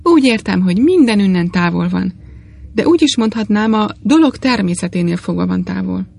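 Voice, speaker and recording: A woman reading an audiobook, voicing a gentle, eccentric little male priest with eager, apologetic exclamations. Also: mid-range voice, animated, vocal fry, slightly rough.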